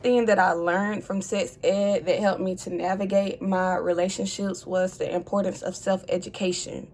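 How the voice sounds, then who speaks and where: A composed, articulate woman in her twenties tells her story as an HIV advocate in an interview. Her medium-pitched, slightly mellow voice moves little in pitch at a normal speed, with slight background noise.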